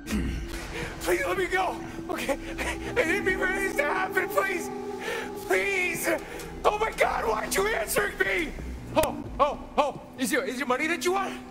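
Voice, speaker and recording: High-pitched, cornered, pleading young captive. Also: male voice, animated, unhurried, over loud music, heavily acted. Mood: desperate pleading. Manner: cornered, desperate begging and bargaining. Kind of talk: video game acting.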